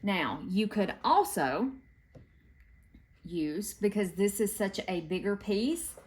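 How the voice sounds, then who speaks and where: A woman's voice: mid-range voice, lively intonation, slow pace, darkish tone. A middle-aged woman, chatting folksily as she walks through a quilting block in a home sewing room. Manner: chatty, folksy, talks while working. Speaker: quilting video host. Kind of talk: casual sewing tutorial.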